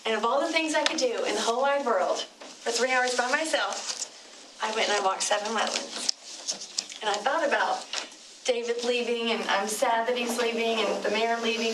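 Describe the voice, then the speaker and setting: Emotional woman commissioner, distant noisy mic. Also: a little high. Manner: halting and digressive, many restarts. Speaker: city commissioner. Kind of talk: unscripted tribute speech at a public meeting. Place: city commission chamber. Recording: distant mic with clear room noise.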